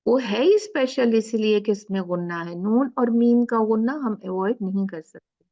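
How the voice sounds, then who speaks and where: A woman teaching Quran recitation rules in an online lesson, patiently repeating words slowly and switching between drawn-out recitation and quick explanation, with a sore throat. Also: fairly high pitch, lo-fi sound.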